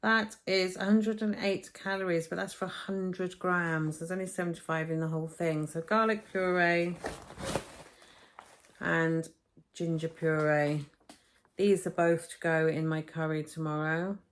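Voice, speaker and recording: Lowish-voiced woman, chatty haul vlogger, phone video recording. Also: fairly even intonation, a little slow. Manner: chatty, talks to camera while unpacking shopping. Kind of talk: casual shopping haul vlog. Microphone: phone camera, filmed as a phone video.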